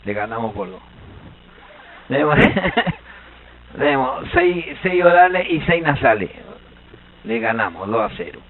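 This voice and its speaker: A man with an Argentine Spanish accent giving a lively seminar lecture as a Guaraní language teacher, joking and quizzing the audience. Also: on the high side, normal speed, vocal fry, long pauses, narrow, tinny audio. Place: seminar hall.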